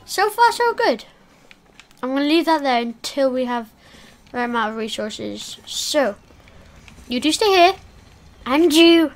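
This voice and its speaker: A woman's voice: high-pitched, big pitch swings, a little slow, pauses often. A woman giving casual gameplay commentary, chatting to the creatures in her game. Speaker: gamer.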